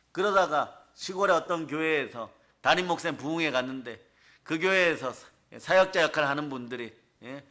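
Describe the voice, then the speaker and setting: A man preaching a revival sermon in a church, telling a story with lively, acted-out scenes. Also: on the high side. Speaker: pastor. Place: church sanctuary.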